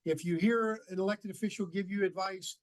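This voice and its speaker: A man's voice: sits high, fairly even intonation, a little fast. A man who is a state emergency preparedness official giving earnest advice in a news interview, with some fillers.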